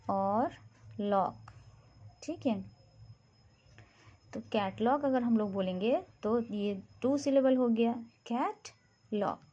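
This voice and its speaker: A woman's voice: fairly high pitch, dark tone, lo-fi sound. Woman patiently sounding out letters. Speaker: phonics teacher. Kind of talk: explaining a phonics lesson to parents.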